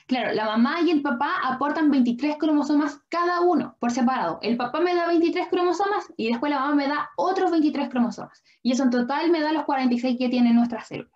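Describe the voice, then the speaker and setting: A woman's voice: high-pitched, fast talker, hardly any pauses. A young woman, a biology tutor patiently explaining a lesson and often checking that students follow. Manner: patient, checks understanding with frequent questions. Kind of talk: online lesson explaining at a drawing board. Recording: dull lo-fi online class audio.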